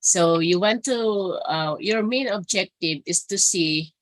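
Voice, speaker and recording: A woman adviser, hoarse from a dry cough, politely questioning a presenter on a video call and calling her ma'am. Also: mid-range voice, takes it slowly, no echo. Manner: polite and deferential, addressing others as ma'am. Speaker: academic adviser reviewing proposals.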